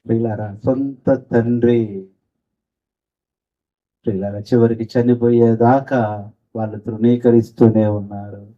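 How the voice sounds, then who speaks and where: A man preaching a sermon, telling stories with acted voices and breaking into slow sung hymn lines. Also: medium pitch, steady tone. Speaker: pastor. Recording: dull lo-fi sound.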